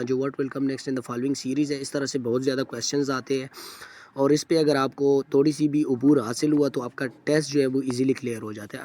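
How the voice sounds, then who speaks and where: Patient man with a mellow voice talking students through answers. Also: medium pitch. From Pakistan. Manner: step-by-step explanation with frequent self-corrections and apologies; reads English question text slowly, then explains in Urdu. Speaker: test preparation teacher.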